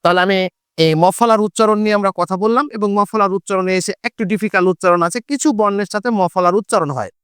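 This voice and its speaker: A man from Bangladesh teaching a Bengali grammar lesson for exam students, repeating each rule slowly and asking and answering his own questions. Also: high voice, a bit bright, clear, resonant tone, no echo, studio quality.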